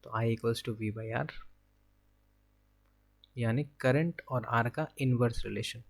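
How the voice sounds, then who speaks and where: A man's voice: medium pitch, slow, vocal fry. A young man with an Indian accent giving a physics exam-prep lecture, working through problems step by step and asking himself questions before answering them. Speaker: physics teacher.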